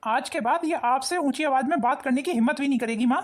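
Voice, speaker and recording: A woman voicing a hot-tempered, abusive young husband in an animated cartoon, harsh and bullying. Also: sits high, fast, close to an everyday voice. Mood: angry.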